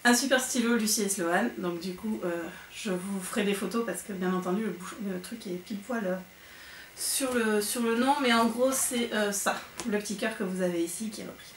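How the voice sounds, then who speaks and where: A young woman chatting excitedly through an unboxing vlog, with lots of fillers. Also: medium pitch, normal speed, echoey room, far from the mic, a little hiss or hum. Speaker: book vlogger.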